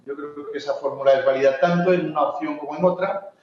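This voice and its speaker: A man's voice: fairly high pitch, steady tone, quick pace. A man from Spain speaking on a conference panel, hesitant, with many fillers and restarts. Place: large conference hall. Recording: echoey hall, distant, dull lo-fi.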